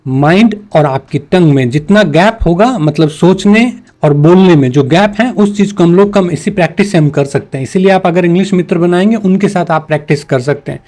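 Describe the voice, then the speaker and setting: A man's voice: sits high, a little fast, hardly any pauses, mellow. A man teaching a spoken English class, patiently repeating example sentences and switching between two languages. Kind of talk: explanatory online class.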